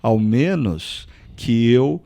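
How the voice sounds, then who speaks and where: A man's voice: medium pitch, lively intonation, drawn-out words, vocal fry, mellow, no echo. A man from Brazil, a pastor on a church talk show, chatting in a thoughtful way with small restarts. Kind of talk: casual chat.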